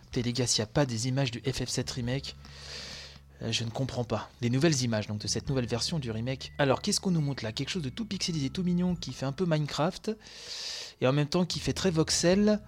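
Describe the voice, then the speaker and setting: Excited man commenting on a game showcase. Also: mid-range voice. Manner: casual, excited, slangy, with many fillers. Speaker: host of a video game news podcast. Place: at home.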